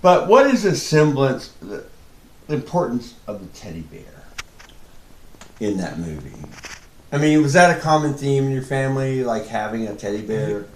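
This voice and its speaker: A man's voice: mid-range voice, sing-song, normal speed, a little hiss or hum. A man interviewing in improvised comic banter, putting leading questions in a mock-serious way. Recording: echoey room.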